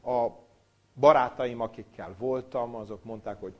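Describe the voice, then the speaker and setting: A man giving a Bible lecture with a personal story, dramatic, swinging from loud emphasis to near-whispered recitation. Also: mid-range voice, muffled recording.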